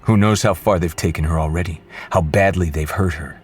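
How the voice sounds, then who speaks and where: A man narrating a first-person audiobook with low, restrained menace. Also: brisk, faint music behind.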